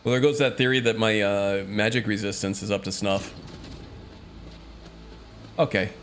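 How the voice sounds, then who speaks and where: A man's voice: fairly low pitch, steady tone, normal speed, a bit bright, slight background noise. A man streaming a video game, chatting casually with his viewers and laughing as he plays. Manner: chatty, laughing, talking to chat. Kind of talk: casual gameplay commentary.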